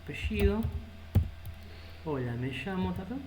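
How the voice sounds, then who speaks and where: A man with a high-pitched, expressive voice and a Rioplatense Spanish accent teaches live coding a little slowly, narrating his thoughts as he types. He's a programming instructor, captured in an echoey room with loud noise behind him.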